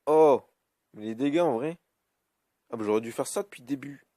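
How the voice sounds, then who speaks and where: A man giving live commentary over his own game, cursing often and swinging between high yelps and low grumbling. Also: a little fast, dark tone, no echo, studio quality. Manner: swears freely, swings from yelps to grumbling mutters. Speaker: YouTube gamer.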